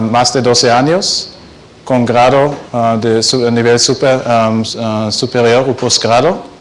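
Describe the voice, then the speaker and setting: Halting man with foreign-accented Spanish. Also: mid-range voice. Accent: foreign, non-native Spanish. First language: not Spanish. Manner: halting, searching for words in learned Spanish. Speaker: academic presenter, guest speaker. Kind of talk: conference presentation.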